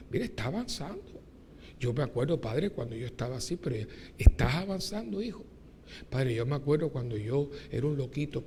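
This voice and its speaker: A man, a priest giving a lively homily at mass, joking and asking his congregation rhetorical questions. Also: fairly high pitch, husky. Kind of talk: sermon. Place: church during mass.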